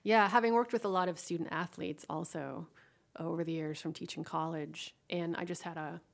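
Chatty woman with a lowish voice hosting an interview. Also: steady tone, moderate pace, vocal fry. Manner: chatty, leading questions with long setups. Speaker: podcast host. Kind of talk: casual interview.

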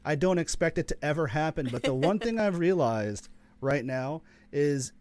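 A man who hosts a podcast, chatting casually and upbeat with quick asides. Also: fairly high pitch, animated, a little mellow. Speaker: podcast host.

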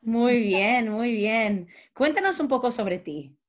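A woman's voice: a little high, expressive, slow. A woman hosting a casual podcast interview, chatty, with frequent fillers and restarts. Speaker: podcast host.

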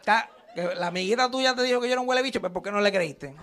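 A man's voice: high voice, fast. A young man performing live stand-up comedy, telling crude stories and acting out the lines he quotes. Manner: crude, animated storytelling with acted-out quotes. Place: comedy stage at a live show.

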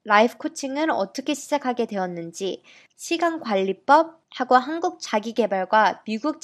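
A woman with a Korean American accent, speaking as a podcast host in a slightly halting way. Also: fairly high pitch. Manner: halting, self-conscious Korean mixed with English. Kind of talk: podcast introduction and interview.

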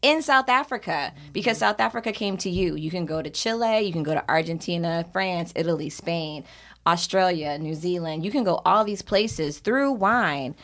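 A woman's voice: lowish voice, expressive, normal speed, fairly bright tone. A woman speaking in a casual chat, emphatic and often asking "you know what I mean?".

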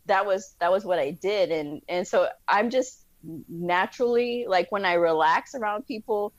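Animated woman telling stories, dry sound. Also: mid-range voice, moderate pace, no room sound, muffled recording. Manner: animated, acts out quotes, laughs often. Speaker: podcast guest. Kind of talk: casual storytelling interview.

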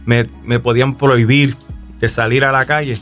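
A guest musician from Puerto Rico gives his testimony on a radio show, his mid-range voice carrying a Puerto Rican Spanish accent. He talks in a relaxed, hesitant way, full of fillers and restarts, as faint music plays softly underneath.

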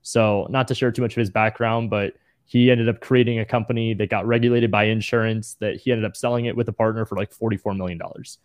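A man in his twenties telling his story as a podcast guest in a relaxed, slangy way. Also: on the low side, fast, no room sound. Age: 20s. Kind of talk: casual interview.

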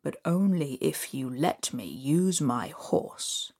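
A woman voicing a mysterious cloaked male stranger, slow and whispery. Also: expressive, a little mellow, husky, exaggerated voice. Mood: sly, low. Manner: low, slow, whispery menace.

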